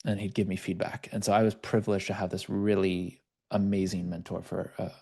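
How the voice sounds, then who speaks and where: Gravelly man coaching over a video call. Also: low voice, little pitch movement, fairly quick, mellow. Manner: conversational, storytelling. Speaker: life coach. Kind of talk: online workshop teaching.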